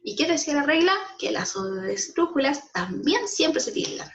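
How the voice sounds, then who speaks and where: A woman teacher with a Chilean Spanish accent explaining a school lesson to children, slowly stressing syllables and often checking in with them. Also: very high voice, big pitch swings, gravelly, a bit bright, distant mic. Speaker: primary school language teacher. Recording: muffled sound, voice a bit off-mic.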